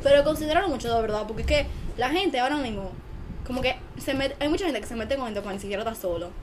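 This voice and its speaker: A woman co-hosting a casual chat, talking rapidly and emphatically. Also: a little high, lively intonation, a crowd in the background. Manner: rapid, emphatic, swears "te lo juro".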